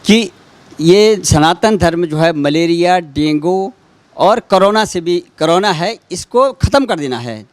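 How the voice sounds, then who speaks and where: A man interviewing, asking long, halting questions padded with fillers. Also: sits high, animated, no echo.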